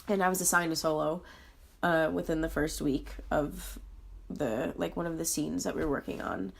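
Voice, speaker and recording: A woman in her twenties, low-voiced with fairly even intonation, sounds hoarse and sick as she vlogs earnestly about her personal struggles. She pauses often and says "um" frequently.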